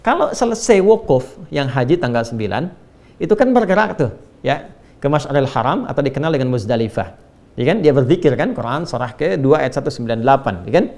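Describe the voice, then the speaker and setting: A man's voice: medium pitch, animated, brisk, a little mellow. A man preaching a religious lecture in a conversational way. He asks rhetorical questions, adds tag words like "ya", and recites Arabic verses in between his explanations. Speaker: Islamic preacher. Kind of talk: sermon-style religious lecture.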